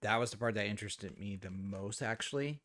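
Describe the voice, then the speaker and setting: A man's voice: fairly low pitch, a little fast, fairly bright tone. Easygoing man hosting a review chat. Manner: easygoing, leads the discussion and asks for ratings. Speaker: host. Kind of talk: casual watch-party chat.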